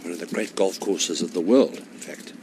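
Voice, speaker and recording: A man with a low voice commentates on live golf in a measured, informative way. Noticeable outdoor ambience runs behind his words, as on a course broadcast. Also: darkish tone. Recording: clear background noise, outdoor course ambience.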